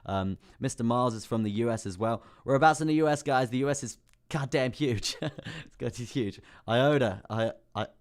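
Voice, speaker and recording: A young English man with a hoarse, partly lost voice, hosting a casual crypto live stream, chatting about charts and greeting viewers by name. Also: medium pitch, moderate pace. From England. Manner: chatty, reads out viewer names and laughs often.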